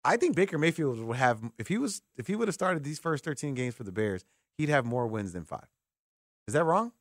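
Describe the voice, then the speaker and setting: This sports call-in radio host has a slightly high voice and talks a little fast, very animated, thinking out loud and posing rhetorical questions as he gives his opinions. He's on a close studio mic in a radio studio, with echo-free studio quality.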